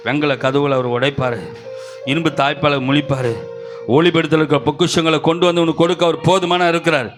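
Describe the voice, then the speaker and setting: A man preaching a Pentecostal church sermon, swinging between hushed pleading and loud exhortation and repeating phrases with cries of hallelujah. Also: on the high side, steady tone, fast, over music. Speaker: pastor. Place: church service.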